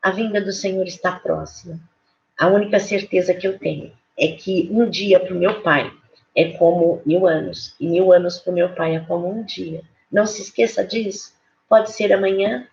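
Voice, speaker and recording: A woman's voice: medium pitch, steady tone, normal speed, gravelly, darkish tone. A woman pastor preaching a sermon in a conversational way, with many small fillers. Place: church. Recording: dull lo-fi online service recording.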